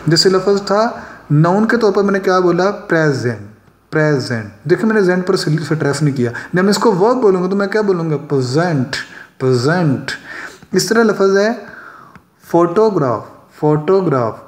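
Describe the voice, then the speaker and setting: In a classroom lesson on poetic meter, a male English teacher with a fairly high voice reads definitions slowly. He repeats example words several times to show where the stress falls. The room is noticeably echoey.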